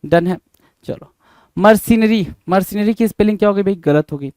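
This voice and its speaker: A man's voice: high-pitched, moderate pace, mellow, no room sound. A man teaching a spelling lesson, spelling words out letter by letter and repeating each point, with an Indian accent. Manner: often adds "bhai" to address viewers. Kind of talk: spelling lesson, checking answers.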